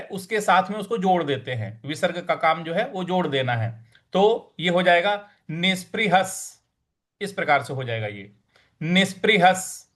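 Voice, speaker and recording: A man teaching how to pronounce and recite a Sanskrit verse, saying each word slowly and repeating it, chanting whole lines, then explaining quickly. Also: sits high, fairly bright tone. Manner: occasionally clears throat. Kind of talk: slow syllable-by-syllable recitation lesson.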